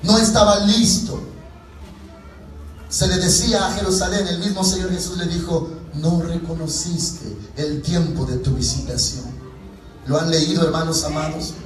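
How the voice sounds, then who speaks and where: A man's voice: fairly high pitch, fairly even intonation, normal speed. Impassioned Mexican-accented male preacher, repeats for emphasis; distant mic, faint music behind. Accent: Mexican Spanish. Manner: impassioned, climbs to near shouts, repeats phrases. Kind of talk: sermon. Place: church sanctuary. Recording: very echoey church hall from far off, faint music.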